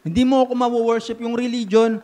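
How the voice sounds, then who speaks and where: Pastor, male, high-pitched voice, animated sermon delivery, slips English into his preaching. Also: fast talker. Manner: animated preaching with sudden swings from loud to hushed.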